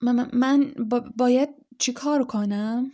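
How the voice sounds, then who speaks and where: A woman's voice: medium pitch, darkish tone, lightly acted. A woman reading aloud, voicing a nervous young wizard boy who hesitates and stammers.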